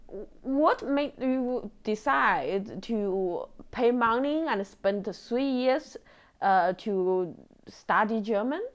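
A woman's voice: a little high, animated, slow pace, clear, resonant tone. A woman interviewing a guest, asking curious follow-up questions in a casual chat.

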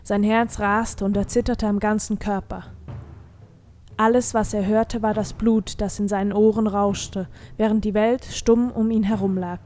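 A woman reading a fantasy audiobook in steady, scripted narration. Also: medium pitch, measured pace, slight background noise.

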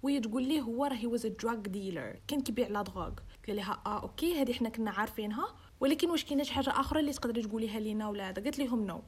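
In relaxed podcast talk, a young Moroccan-accented woman who hosts the show narrates a true-crime case. Her fairly high, slightly husky voice moves quickly, and she code-switches into English phrases while acting out the dialogue of the people involved.

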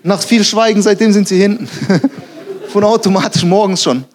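Young male preacher, high-pitched, animated storyteller who plays every line he quotes. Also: normal speed. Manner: animated storytelling, acts out quotes, laughs at himself. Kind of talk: sermon.

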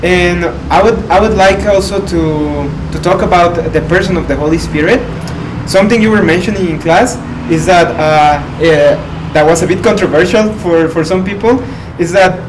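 A man's voice: high voice, moderate pace. A young adult man hosting a podcast interview, speaking hesitantly with many fillers. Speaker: podcast host. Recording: distant mic with clear background noise.

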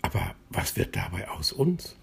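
A man's voice: low-pitched, sing-song, measured pace, vocal fry, breathy edge, heavily acted. A man voicing a small, curious young male water drop in a bedtime story, eager and at times whispering. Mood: wondering. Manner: wondering, eager, sometimes whispering.

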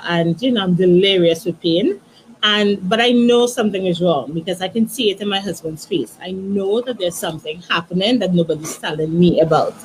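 A woman guest in her thirties shares a personal story in a soft, halting voice, often restarting and reaching for words. Her voice sits at a middle pitch, and faint background noise sits under it. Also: rough recording. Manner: soft, halting, many restarts and "you know". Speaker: guest, author.

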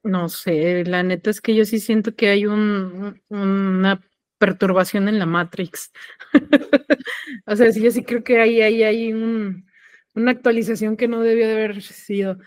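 A young woman with a Mexican Spanish accent co-hosts a podcast, chatting casually in a slangy, hesitant way and thinking aloud with lots of fillers. Her voice is mid-range and unhurried with fairly even intonation, and there's no room sound.

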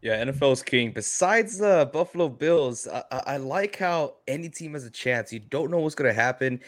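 A man's voice: medium pitch, lively intonation, normal speed, no room sound. Blunt, opinionated man in a dry close recording. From New York. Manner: emphatic, blunt. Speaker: sports panelist. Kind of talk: casual sports talk, opinionated.

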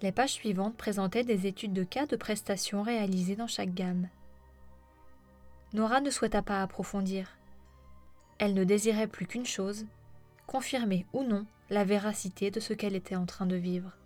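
A woman reading a novel aloud as a narrator, in a steady, even storytelling manner. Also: medium pitch, normal speed, soft background music. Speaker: audiobook narrator. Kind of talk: scripted narration.

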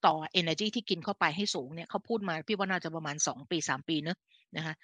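Bright-voiced woman, chatty health talk. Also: lowish voice, no echo. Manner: chatty, with frequent self-corrections and fillers; speaks to listeners as an older sister. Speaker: health educator hosting a live stream. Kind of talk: casual explanatory live talk.

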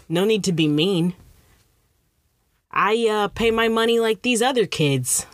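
A woman's voice: mid-range voice, slow pace, dry recording. A young woman telling a comic story about herself, rambling and self-mocking, drifting into playful tangents. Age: young adult. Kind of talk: comedic storytime monologue.

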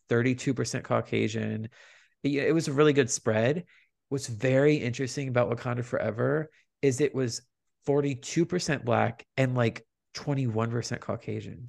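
A man's voice: mid-range voice, creaky. A man co-hosting a podcast, chatting casually about movie news and box office figures. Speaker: podcast co-host.

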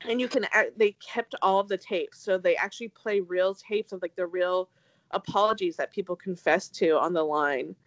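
A woman co-hosting a casual podcast, talking haltingly with stammered restarts and many fillers, with a dry, self-deprecating streak. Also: on the low side, dull audio. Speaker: podcast co-host.

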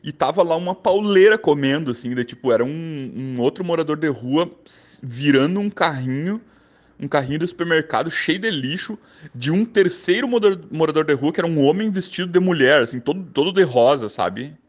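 A man's voice: a little high, expressive, a little fast. A man with a southern Brazilian gaúcho accent casually telling anecdotes in a loose, rambling way. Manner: loose, rambling, lots of fillers. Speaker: storyteller.

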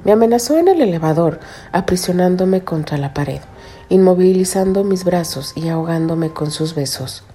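Brief: low, mellow woman reading romance narration over faint music. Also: expressive, normal speed. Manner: intimate first-person storytelling. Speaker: audiobook narrator.

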